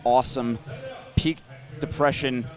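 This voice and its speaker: A man's voice: medium pitch, steady tone, a little slow, over music. A man giving casual commentary as a broadcast co-host. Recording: clear crowd noise behind voice.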